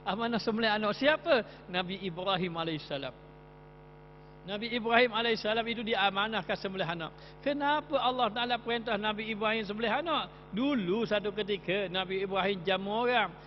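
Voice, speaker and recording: A man's voice: high-pitched, brisk, big-room sound, muffled recording, slight background noise. A male religious teacher giving an evening mosque lecture, telling stories and asking rhetorical questions.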